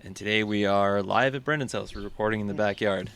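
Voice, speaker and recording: A man's voice: on the low side, fast talker, background noise. A man hosting a casual podcast chat, recorded outdoors in a backyard. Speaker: podcast host.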